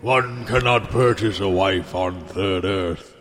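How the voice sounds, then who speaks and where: A man doing Mumra, a slow pompous undead sorcerer. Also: sits low, a bit bright, faint music behind. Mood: rambling. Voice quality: slow, solemn, grandiose delivery with crude jokes.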